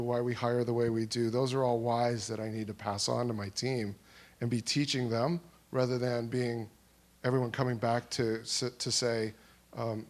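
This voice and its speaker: Man coaching a conference workshop. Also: mid-range voice. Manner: encouraging, asks pointed questions. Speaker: workshop facilitator. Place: conference hall with audience.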